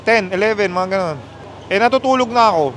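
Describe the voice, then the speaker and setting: Brief: animated male host, high voice, faint street noise, casual storytelling. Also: fairly quick, a faint crowd. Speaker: motorcycle club host.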